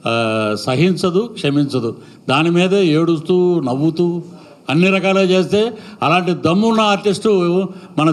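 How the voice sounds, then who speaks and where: A middle-aged man, his voice sitting a touch high, talks from a stage at a film event. He rambles warmly from one name to the next and slips into short acted-out bits of dialogue. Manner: rambling, praising, acts out dialogue lines. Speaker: actor speaking at a film event. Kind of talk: stage speech at a pre-release event.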